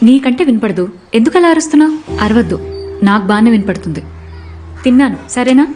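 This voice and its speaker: A woman's voice: on the high side, lively intonation, quick pace, a little mellow, soft background music, close to an everyday voice. A dubbing actress voicing a sulky, cheeky teenage schoolgirl who talks back sharply. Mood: irritated. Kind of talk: dubbed drama dialogue.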